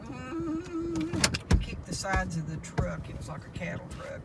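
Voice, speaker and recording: A woman's voice: on the low side, flat delivery, normal speed, vocal fry. An older woman tells a folksy, rambling family anecdote in a casual way. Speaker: storyteller. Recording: loud car and road noise, distant mic.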